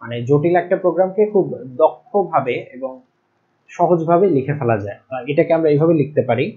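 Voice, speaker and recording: A young man teaching programming, explaining step by step and pausing to write things out and correct himself. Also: on the high side. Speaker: ICT teacher. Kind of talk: recorded classroom lecture. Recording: dull lo-fi recording.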